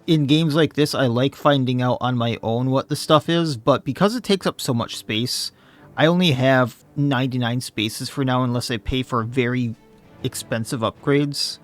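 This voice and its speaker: A man's voice: mid-range voice, moderate pace, faint music behind. A man, slightly losing his voice, commenting casually on his own gameplay and thinking aloud as he plays. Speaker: let's play host.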